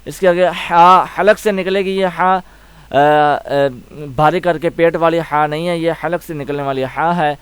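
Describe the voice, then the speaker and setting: A man teaching a tajweed lesson, slowly sounding out letters one by one and explaining each with patient repetition. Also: a little high, steady tone, clear, resonant tone, no echo. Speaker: Quran recitation teacher.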